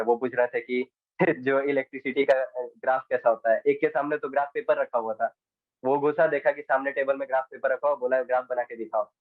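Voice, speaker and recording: A man's voice: mid-range voice, no room sound. Teenage boy on a tinny call. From India. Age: teens. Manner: hesitant, restarts, mixes in English phrases. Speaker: interview guest, exam candidate. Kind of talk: casual interview answers. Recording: tinny dry phone-like line.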